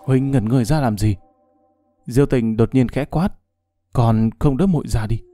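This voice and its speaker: A man's voice: mid-range voice, normal speed, dark tone, no room sound, faint music behind, close to an everyday voice. A man reading a proud, cold young woman. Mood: scolding. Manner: cold, curt and demanding. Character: proud sharp-tongued young woman, jealous and bossy.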